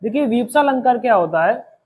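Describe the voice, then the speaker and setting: A man teaching a grammar lesson, explaining each term by asking a question and then answering it, slowing down to recite example verses. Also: very high voice, expressive, darkish tone, a little hiss or hum, low-quality recording.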